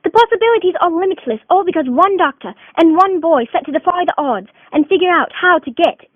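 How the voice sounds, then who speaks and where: A woman's voice: very high voice, lively intonation, fairly quick, no echo. A woman narrating a student mock documentary in a dramatic announcer tone. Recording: dry, tinny phone-like voice-over.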